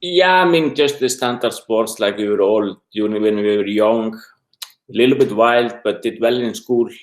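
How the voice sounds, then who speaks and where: A middle-aged man from Iceland with an Icelandic accent, an interview guest talking haltingly in English, his second language, searching for words. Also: on the low side. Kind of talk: casual interview talk. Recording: roomy echo.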